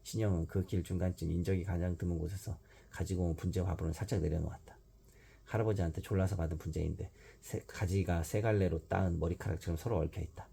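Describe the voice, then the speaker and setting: A father reading a children's storybook aloud at bedtime, in a steady narrating voice. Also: low-pitched, quick pace, vocal fry, slight background noise.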